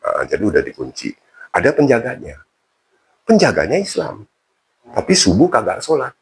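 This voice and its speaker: A man's voice: lowish voice, huge pitch swings, moderate pace, gravelly, breathy edge. A man telling a personal story casually in an interview, with frequent fillers and restarts. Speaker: interview guest.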